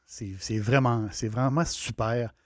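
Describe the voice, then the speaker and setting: A man's voice: mid-range voice, fairly even intonation, takes it slowly, no echo. Enthusiastic Quebec French man, dry sound. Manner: chatty, enthusiastic, with frequent restarts and fillers. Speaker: travel host. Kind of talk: casual travel talk.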